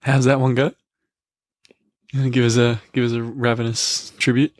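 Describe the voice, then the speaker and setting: A man's voice: medium pitch, level tone, moderate pace, no room sound. A man co-hosting a sports podcast, joking, self-mocking and swearing freely. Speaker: podcast co-host. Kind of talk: casual chat.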